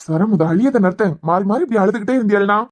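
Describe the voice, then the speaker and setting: Woman doing a fast-talking firm young policeman. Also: mid-range voice, animated, a little mellow, lightly acted. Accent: Kanyakumari Tamil. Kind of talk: cartoon serial voice acting.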